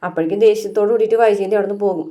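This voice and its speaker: A woman's voice: medium pitch, steady tone, very fast, dark tone. A woman, chattily recapping a TV serial episode for her channel. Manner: chatty, tags sentences with little asides. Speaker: serial reviewer. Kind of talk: casual episode recap narration.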